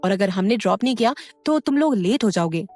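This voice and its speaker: A woman's voice: medium pitch, expressive, a little fast, a little mellow, no room sound, faint music behind, lightly acted. A woman voicing a cocky young male college athlete in an audio story, talking in a teasing, offhand way.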